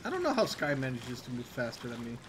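A man's voice: mid-range voice, wildly swooping pitch, quick pace, background noise. A man in casual banter with friends while playing a game.

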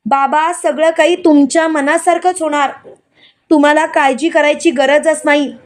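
Brief: scheming young woman, soft coaxing delivery, high voice, read by a woman narrator. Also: steady tone, moderate pace, lightly acted. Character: scheming young woman, cajoling her father-in-law.

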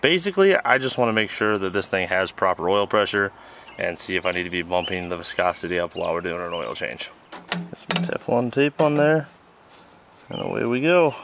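A man with a low, creaky voice narrates a vlog as he tinkers with an old tractor on a farm, swinging widely in pitch and talking a little fast. He jokes, explains casually, and mutters to himself now and then, with noisy background sound.

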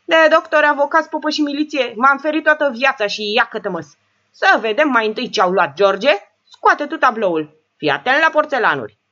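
A sarcastic old lady full of scorn barks insults in a high, animated voice, performed by a woman reading a storybook. Her lines are bossy and mocking. The recording sounds a little muffled. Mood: scornful. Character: sharp-tongued rich old woman, mocking and shrewd.

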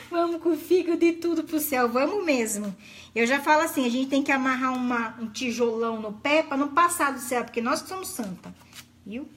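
A woman's voice: high voice, expressive, normal speed, a bit bright. A middle-aged woman, hosting a live craft tutorial in a chatty, affectionate way and greeting viewers by name. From Brazil.

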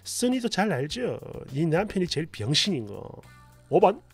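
Guy reading out a drama post all expressive and snarky, high pitched, swings up and down a lot. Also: normal speed, breathy edge, soft background music. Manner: expressive, sarcastic, mutters asides. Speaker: storyteller.

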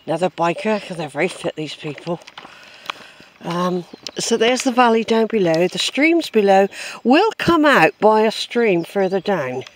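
Speaking a little slowly with lively intonation, this mid-range voice comes from a vlogger walking outdoors along a woodland track. The chat is casual and rambling, thinking aloud, picked up by a handheld camera's built-in mic with a touch of hiss or hum.

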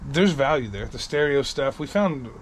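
Man, thirties, casual unboxing commentary, upbeat rambling, action camera, loud background noise. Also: mid-range voice, expressive, normal speed. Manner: upbeat, rambling item-by-item chatter. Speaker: storage unit reseller vlogger.

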